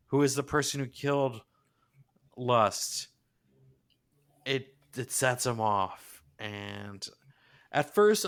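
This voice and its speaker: A man's voice: medium pitch, fairly bright tone, clear, resonant tone. A man co-hosting a podcast, chatting casually and enthusiastically about an anime episode like a gushing fan. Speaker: podcast co-host.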